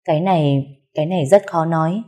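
A woman voicing a middle-aged male doctor who speaks in a measured, matter-of-fact way in a storybook reading. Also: low-pitched, mellow. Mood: calm.

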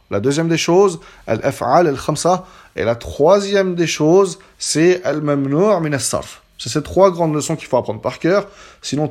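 A man with a fairly high voice teaches grammar in a patient, step-by-step way. He keeps checking that his listeners follow, asking if they're with him. He slows right down on each example word so it can be heard clearly. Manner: patient, checks understanding with frequent "d'accord?"; slows down to spell out Arabic example words. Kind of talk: explanatory lesson.

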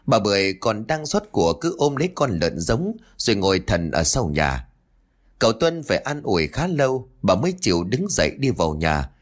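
A man telling a ghost story as scripted narration, in a dramatic storytelling manner. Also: on the low side. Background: soft background music.

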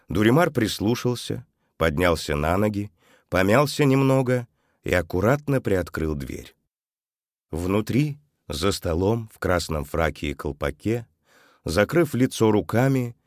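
A man narrating a children's story audiobook in a calm, even manner. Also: on the low side, dry recording, clean studio sound.

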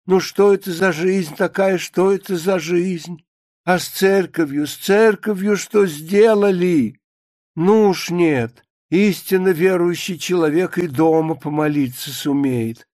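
A sanctimonious, grumbling mistress of the house, read by a man. Her complaints come in a fairly high voice, and the sound is close and dry with no room. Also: measured pace, a little mellow, no echo. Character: pious grumbling middle-aged woman, household mistress. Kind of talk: dramatic reading of a play.

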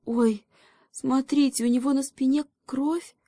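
Woman putting on a little girl conscience spirit, high and exclaiming, indignant but caring, warm tone. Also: measured pace, dry recording, studio quality, lightly acted. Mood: indignant, tender.

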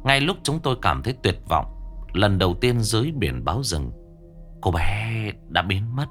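A man tells a ghost story in a tense, dramatic storytelling manner. His voice is very low but moves animatedly up and down. Soft music plays faintly under the narration. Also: very animated, normal speed.

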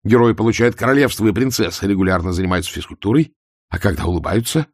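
A man's voice: lowish voice, expressive, quick pace, no echo, studio quality. A man voicing a weary, bitter male watch captain muttering his thoughts in an audiobook.

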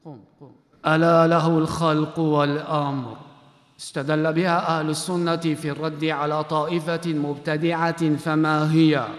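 A man teaching as a sheikh, quizzing students in class, brisk and commanding as he calls them up and questions them. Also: a little high, little pitch movement. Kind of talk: classroom quiz session. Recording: echoey hall with long reverb.

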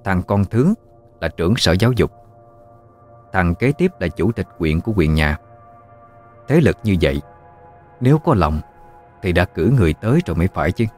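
Low-voiced man telling a ghost story. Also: big pitch swings, moderate pace, pauses often, a little mellow, faint music behind.

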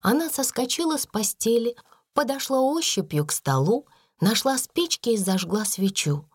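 A woman reading a children's storybook aloud as expressive scripted narration. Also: fairly high pitch, normal speed, husky, no room sound, studio quality. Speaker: audiobook narrator.

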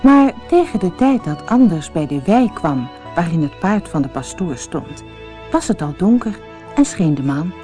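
A woman narrating a fairy tale for an audiobook in a slow, expressive storytelling manner. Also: lowish voice, faint music behind.

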